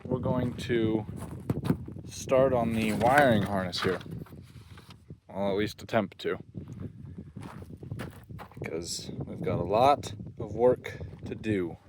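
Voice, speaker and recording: A man's voice: lowish voice, slow, pauses often. A man casually narrating his DIY car work in a plain-spoken, offhand way, recorded on a phone in the wind. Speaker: DIY car restoration vlogger. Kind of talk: casual narration while working. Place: working on a car, windy outdoors. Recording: windy, noisy phone recording. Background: loud wind noise, clicks.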